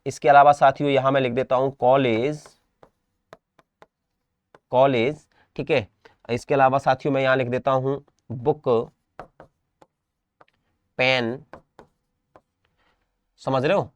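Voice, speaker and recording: A man's voice: mid-range voice, steady tone, takes it slowly, pauses often, smooth, no echo, muffled recording. Young guy w rajasthani hindi accent teaching exam prep, repeats every word, asks if u get it, mid voice. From India. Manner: repetitive, drills each word, checks understanding. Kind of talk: exam-prep classroom lesson.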